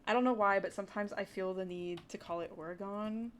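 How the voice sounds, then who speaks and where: A woman's voice: medium pitch, fast, slight background noise. A young woman with a Wisconsin accent, a livestreamer chatting casually with her viewers and rambling between topics. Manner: rambling, talks to chat with lots of "like" and "dude".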